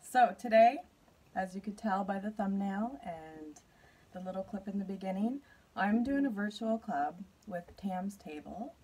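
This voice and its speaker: Brief: woman from Canada, mukbang host, husky voice, nervous and chatty. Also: mid-range voice, lively intonation, a little slow, warm tone. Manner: nervous, chatty, laughs often. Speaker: mukbang YouTuber. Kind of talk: casual eating vlog.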